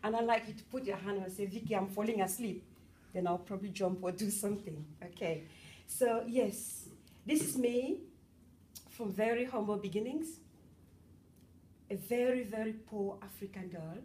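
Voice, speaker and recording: A bubbly middle-aged woman from Cameroon giving a lively talk at an event and chatting with the audience. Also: mid-range voice, normal speed, distant mic, slight background noise. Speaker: motivational speaker.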